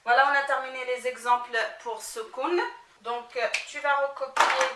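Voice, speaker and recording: A woman's voice: high voice, steady tone, moderate pace, heavy background noise. A woman teaching Arabic reading to a child, patiently sounding out each letter and vowel mark one at a time. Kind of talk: slow spelling-out lesson for a child. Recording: echoey room, mic at a distance.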